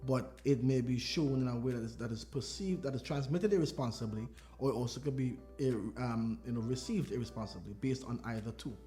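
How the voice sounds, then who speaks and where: A man co-hosting a casual podcast, animated and laughing as he retells stories. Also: mid-range voice, brisk, hardly any pauses, soft background music. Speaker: podcast co-host.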